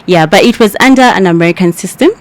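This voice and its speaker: A woman's voice: mid-range voice, fast talker. Young woman from kenya chatting on radio, laughs a lot, easygoing. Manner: laughs often, chatty and open. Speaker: radio interview guest. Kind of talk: casual interview chat.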